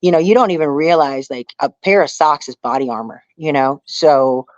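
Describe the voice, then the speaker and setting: Retelling her experiences casually, a woman who competed on a reality TV survival show chats animatedly as an interview guest and keeps saying "you know." She speaks in a low-pitched voice at a moderate pace, and the recording is dry and dull.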